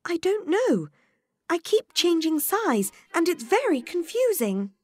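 High, earnest little girl, played by a woman, lively lilt, dry close sound. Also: measured pace, no room sound, exaggerated voice. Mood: bewildered. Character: confused, polite young girl. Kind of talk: storybook reading.

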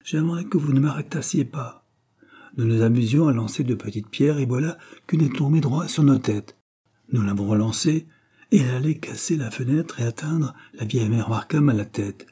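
A man's voice: mid-range voice, normal speed, mellow, slightly rough, pitched above the performer's own voice, lightly acted. A man reading aloud and voicing a rude, eager schoolboy who is jealous of his brother.

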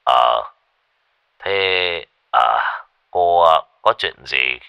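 A man voicing an old male exorcist master with a gruff, halting manner, in a told ghost story. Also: rumbling low, animated, no echo, muffled recording, voice pushed down, full character voice. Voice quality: gravelly, halting.

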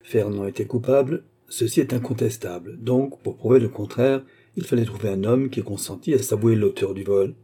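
An eager, trusting old knight, read by a man narrating a novel, full of lively questions. The voice stays low and husky, with a dark, mellow warmth. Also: normal speed, few pauses. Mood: curious. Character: eager older male Breton knight, trusting.

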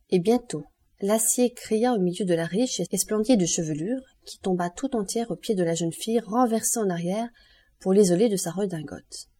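A woman reading a classic novel aloud as an audiobook, in a measured, even storytelling manner. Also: medium pitch, breathy edge. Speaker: audiobook reader.

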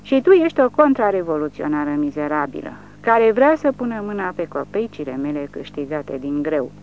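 A reader voicing a drunk, bullying man who is a Soviet village official, shouting insults in an audiobook. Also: on the high side, very animated, dull audio, slight background noise. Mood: ranting.

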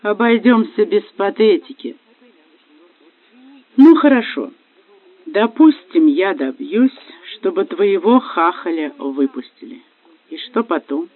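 Man doing a betrayed husband, bitter, sarcastic, high voice, tinny audio. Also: measured pace. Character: jealous angry husband, a police officer. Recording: dry, phone-like lo-fi.

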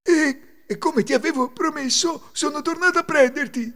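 A man's voice: very high voice, moderate pace, a bit bright, voice pushed up. An Italian man voicing a frightened young peasant man in a folk tale audio story. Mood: cheerful.

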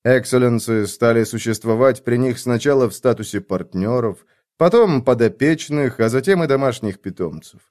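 Male audiobook narrator, mid-pitched, measured storytelling. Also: darkish tone. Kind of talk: scripted first-person narration.

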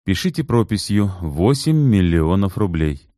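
A man doing a calm, tactful investigator. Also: deep voice, unhurried, dry recording, studio quality. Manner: calm, gently persuasive. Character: patient, tactful male investigator. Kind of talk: audiobook character voice.

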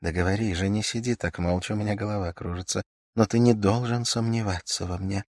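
A man's voice: steady tone, a little fast, a little mellow, no echo, clean studio sound, lightly acted. A man voicing a pleading young noblewoman. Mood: coquettish. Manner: dramatic, pleading, high-strung. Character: young passionate noblewoman, nervous and coquettish. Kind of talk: audiobook reading.

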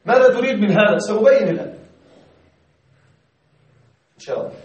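Male grammar teacher, fairly high voice, quizzing his class, heard from a distance. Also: lo-fi sound. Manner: asks students questions, repeats examples slowly. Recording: echoey classroom from far off.

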